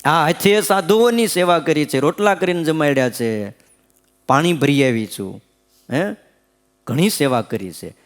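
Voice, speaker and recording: A blunt, proud old village woman on her deathbed, as a preacher quotes her. She scolds in a matter-of-fact way and pitches her voice higher. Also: animated, measured pace. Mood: scolding.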